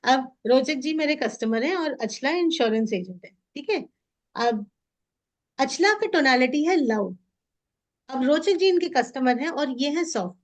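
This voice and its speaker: A woman's voice: high voice, unhurried. A woman in her forties, a mindset coach, leading an interactive training session and switching between Hindi and English. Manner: mixes Hindi and English, animated and demonstrative.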